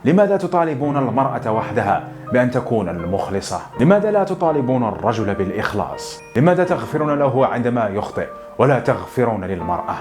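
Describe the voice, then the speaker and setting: Male reader doing a defiant divorcée, cutting and scornful, low voice. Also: lively intonation, over music, lightly acted. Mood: indignant. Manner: scornful, cutting, rapid-fire questions. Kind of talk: audiobook narration.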